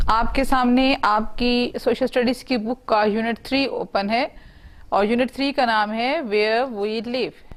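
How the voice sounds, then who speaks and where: A woman teaching young students in an online class, speaking, spelling out words letter by letter and asking the class questions. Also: on the high side.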